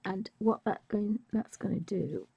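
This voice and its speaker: While demonstrating colouring live, a woman art tutor speaks in a soft, musing way, often drifting into whispers, her voice a bit croaky from a chest infection. She is medium-pitched and a little slow, on a dry recording with dull audio.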